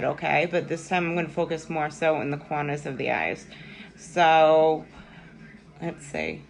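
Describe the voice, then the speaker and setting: A young woman with a low, creaky voice hosts a live makeup tutorial from home. She chats with viewers in a rambling, self-deprecating way, full of ums and likes.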